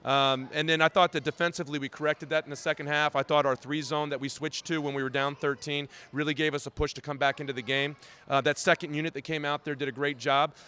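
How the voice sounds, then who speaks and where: A male head basketball coach giving quick, analytical postgame answers with frequent "you know" fillers. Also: fairly high pitch, level tone, pushed and bright, clean tone. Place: outdoors.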